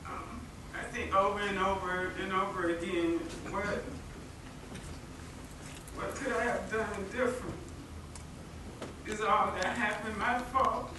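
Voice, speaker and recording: A woman delivers a defendant's allocution in a courtroom, slowly and haltingly, apologizing and repeating her words. She is heard from a distance in a very echoey room, with clear noise behind her. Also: medium pitch, steady tone. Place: large courtroom, standing away from the microphone.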